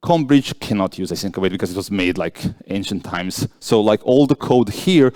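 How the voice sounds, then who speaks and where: A man's voice: lowish voice, expressive, moderate pace, a little mellow, no room sound, clean studio sound. Chatty man giving a tech talk. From Croatia. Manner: chatty, self-correcting, jokey asides. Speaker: conference speaker. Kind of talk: technical conference talk.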